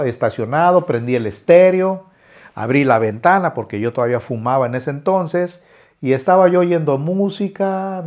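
A man tells a story from his own life in a slightly raised voice. He is a musician, and his telling is loose and halting. He breaks off often, restarts his sentences and fills gaps with little hesitations. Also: a little high, darkish tone. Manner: halting, frequent restarts and filler words. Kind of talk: personal storytelling.

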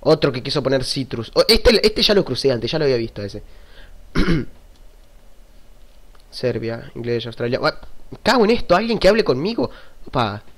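A young Argentine YouTuber sits at a desk in a small room, joking, swearing freely and mocking himself into his computer's webcam mic in Argentine Spanish. His mid-range voice is very animated at normal speed, with frequent pauses.

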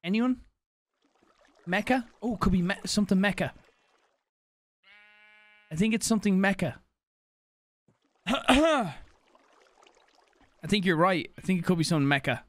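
A young man livestreaming from a small home room into a studio mic, reading out donor names and thanking them in a quick, loose patter. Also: high voice, expressive, fairly bright tone, no echo. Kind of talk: casual stream chat reading donations. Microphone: studio mic on boom, headphones on.

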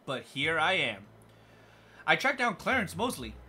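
A man's voice: on the high side, very animated, measured pace, bright, forceful tone. A man casually commenting on a video game as he plays, thinking aloud and easily amused. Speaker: gaming channel host. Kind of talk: casual let's play commentary.

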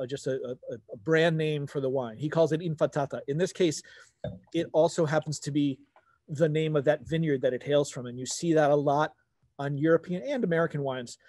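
Seated outdoors at a garden table, a man in his forties presents a wine webinar in a relaxed, explanatory style, restating points the way a conversational teacher would. His voice runs on the high side with a darkish tone, and there is no echo.

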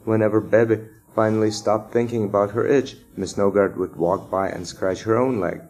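A man reading a children's chapter book aloud to sixth graders in a steady, measured way. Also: fairly low pitch, low-quality recording.

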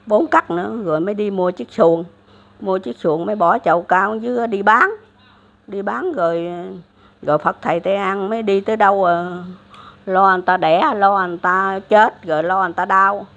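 Gravelly older Southern Vietnamese woman. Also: mid-range voice, moderate pace, a bit bright. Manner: rambling, many fillers and restarts. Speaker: elderly storyteller. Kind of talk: casual religious storytelling. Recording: dull lo-fi recording.

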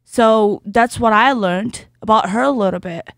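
A woman's voice: fairly high pitch, measured pace, fairly bright tone, no room sound, studio quality. A woman talking in a casual, conversational way as a co-host on a review show. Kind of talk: casual chat.

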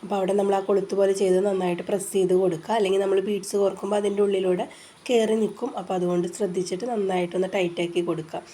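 A woman's voice: mid-range voice, fairly even intonation, very fast, warm tone, a little hiss or hum. A woman hosting a casual craft tutorial, explaining each step patiently and chattily with frequent filler sounds, her voice stuffy and congested from a cold. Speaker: craft channel host. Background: rain outside.

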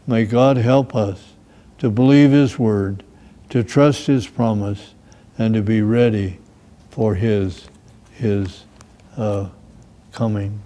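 An older American man, a pastor, giving a sermon with scripture readings and prayer in a slow, measured way. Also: on the low side, fairly even intonation, mellow. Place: small church room with plants behind.

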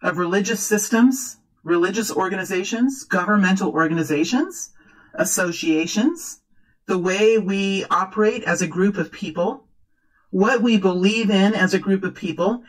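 A woman speaking as a fortune teller, improvising a tarot reading in earnest, halting, repeated short phrases. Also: medium pitch, poor audio. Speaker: tarot reader, host.

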